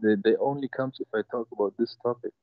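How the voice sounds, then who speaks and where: Calling in to a show, a German man in his twenties tells a personal story, hesitant and emotional, full of fillers and restarts. His mid-range voice moves fast with fairly even intonation, and the audio is dull, with no echo.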